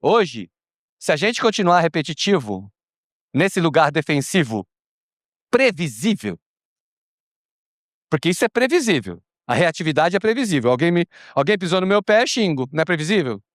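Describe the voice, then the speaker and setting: A Brazilian man speaking on a conference panel, expressive and acting out little dialogues with casual swearing. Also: a little high, moderate pace, long pauses, dry recording, clean studio sound. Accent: Brazilian Portuguese. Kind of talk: animated panel talk. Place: conference stage.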